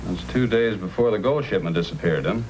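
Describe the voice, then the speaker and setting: A man playing a courteous, businesslike Mountie sergeant in an old-time radio drama, with measured delivery. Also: low-pitched, darkish tone, a little hiss or hum, natural voice, low-quality recording. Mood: businesslike, affable.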